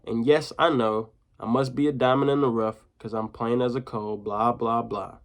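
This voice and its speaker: A man's voice: medium pitch, steady tone, moderate pace, lightly acted. A man reading aloud, voicing a bold, blunt young girl who teases and presses for answers. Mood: sassy. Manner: blunt and teasing. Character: sharp, bossy, confident young girl.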